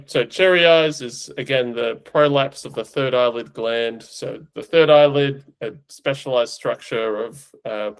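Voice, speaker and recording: Relaxed Australian man hosting a podcast. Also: mid-range voice, clear, resonant tone. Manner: relaxed, joking, explanatory. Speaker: veterinary podcast co-host. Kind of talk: casual podcast chat.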